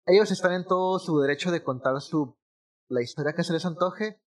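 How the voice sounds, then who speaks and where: Brief: young guy, slightly high voice, rambling gamer chat with slang. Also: fairly quick. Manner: animated, rambling with restarts and slang. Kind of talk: casual gaming chat.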